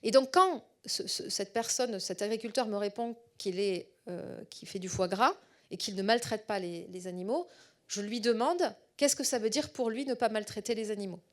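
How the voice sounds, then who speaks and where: Speaking with a southwestern French accent, a middle-aged woman presents a public lecture in her role as a researcher. Her voice is mid-range, and she often stops on fillers and says words twice.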